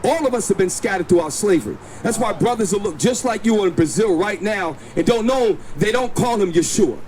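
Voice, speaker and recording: On a city street, a man preaches outdoors, insistently explaining scripture and instructing a companion to read. His voice is high-pitched and fairly quick with lively intonation, and the rough recording picks up a crowd, loud traffic, and passing vehicles.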